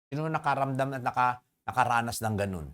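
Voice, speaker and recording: A preacher giving a sermon, who keeps asking the congregation questions, mixes English phrases into the talk and reads scripture slowly and with emphasis. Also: mid-range voice, a bit bright. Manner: asks the congregation rhetorical questions.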